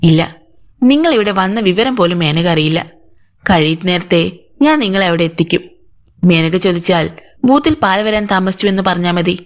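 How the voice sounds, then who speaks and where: A woman's voice: lowish voice, normal speed, long pauses, close to an everyday voice. A woman voicing a male police inspector who questions firmly and sternly. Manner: firm, interrogating. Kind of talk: audiobook character voice.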